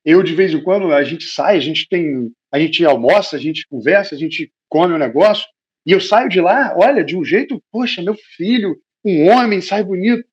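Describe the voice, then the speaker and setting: A man's voice: high-pitched, lively intonation, moderate pace, dull audio. A middle-aged man with a Brazilian Portuguese accent preaching, telling an emotional personal story to his congregation. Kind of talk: sermon testimony.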